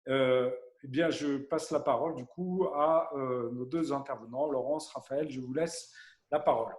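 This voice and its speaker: A man's voice: mid-range voice, moderate pace, a little mellow. A man moderating a webinar over a video call, introducing the speakers in a hesitant way with many fillers.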